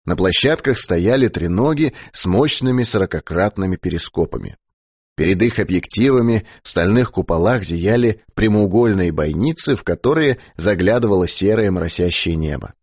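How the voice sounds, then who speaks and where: A man narrating a science fiction audiobook in a measured, expressive reading style. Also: low voice, slightly rough, no room sound, studio quality.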